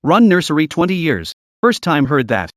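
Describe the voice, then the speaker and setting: A hearty veteran nursery owner. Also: male voice, on the high side, sing-song, moderate pace, no room sound, studio quality. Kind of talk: dubbed drama dialogue.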